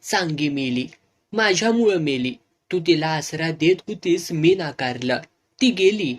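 A grieving village man, voiced by the narrator in a spoken storybook, speaking in plain rural dialect. He carries his guilt quietly and heavily. The reading voice barely shifts from the storyteller's own. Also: medium pitch, lively intonation, a little slow. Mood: grief-stricken.

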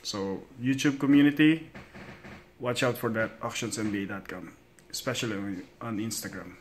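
A man in an excited, chatty unboxing vlog at home, laughing often as he talks to the camera. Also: fairly low pitch, normal speed, a little hiss or hum. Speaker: vlogger. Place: home, at a table.

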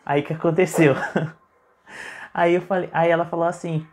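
A man's voice: on the high side, little pitch movement, moderate pace. A man in his twenties telling a funny childhood story as a chatty vlogger at home, often laughing and calling out to his viewers. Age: 20s. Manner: chatty, keeps saying "gente", laughs while telling. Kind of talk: casual storytelling to camera. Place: home, with his mother nearby.

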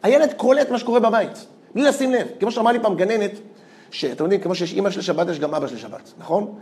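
A man with a notably high voice delivers a rabbi's lecture full of stories. He speaks with animation, doubling back on words and laughing as he goes. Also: expressive, a little mellow. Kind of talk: lively storytelling lecture.

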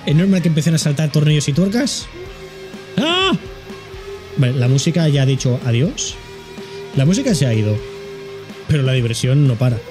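Lively, joking man with a Spain accent. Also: fairly high pitch, a little fast, over music. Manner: jokey, exclaiming, voicing objects in funny asides. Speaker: reaction video host. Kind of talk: casual reaction commentary.

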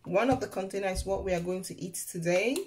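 A woman's voice: mid-range voice, quick pace, background noise. A woman chatting casually as she cooks in her home kitchen, talking to the camera while she works at the stove. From Sierra Leone. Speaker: cooking vlogger. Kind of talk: casual cooking narration. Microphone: camera pointed at the stove, speaker off frame.

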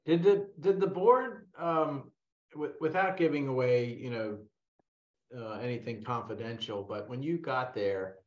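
A middle-aged man interviewing casually, haltingly rephrasing his questions as he goes, on a video call. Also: medium pitch. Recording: dull, echoey video call audio.

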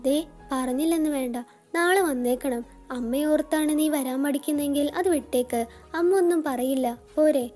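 A woman's voice: high-pitched, normal speed, warm tone, soft background music, natural voice. A woman voicing a caring young man on a phone call in a storybook narration, firm and reassuring. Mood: insistent.

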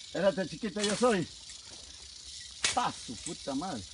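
Man, Veracruz Mexican accent, high lively voice, snake catcher, repeated short instructions, noisy outdoor phone video. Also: measured pace. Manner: repetitive short commands and reassurances. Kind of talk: live field talk while handling a snake. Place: outdoors in dense woodland. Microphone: handheld phone nearby.

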